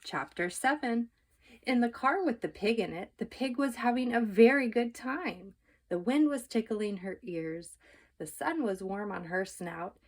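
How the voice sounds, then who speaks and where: Here a woman storyteller, her voice a little high, reads a children's book out loud in a measured, emphatic and expressive manner.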